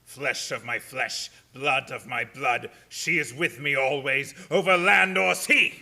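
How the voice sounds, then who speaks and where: A man's voice: medium pitch, a little slow, vocal fry, pushed and bright, full character voice. A man playing a menacing, gloating undead vampire count in a radio drama, taunting and grandiose. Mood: possessive triumph.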